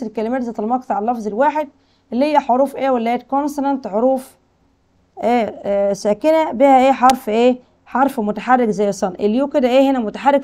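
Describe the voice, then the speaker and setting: High-pitched Egyptian woman teacher. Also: dark tone. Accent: Egyptian Arabic. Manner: reads English lines slowly, then translates with questions to pupils. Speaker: English teacher. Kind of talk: explaining a textbook lesson.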